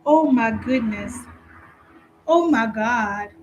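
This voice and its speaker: High-voiced Nigerian woman coaching. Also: slow, dull audio, a little hiss or hum. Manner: animated, encouraging, conversational. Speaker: customer support recruiter and trainer. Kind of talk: live online training talk.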